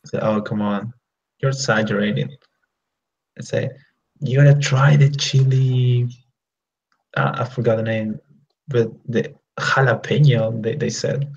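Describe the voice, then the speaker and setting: On a practice video call with muffled, low-fidelity sound, a male learner chats casually in a steady, gravelly mid-range voice. He hesitates often, searching for words and filling gaps with fillers.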